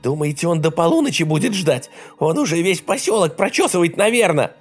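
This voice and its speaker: A man's voice: fairly high pitch, very animated, fairly quick, breathy edge, faint music behind, pitched above the performer's own voice. A man voicing a frightened young man caught in a woman's disguise, pleading shrilly and squealing. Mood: shrill pleading.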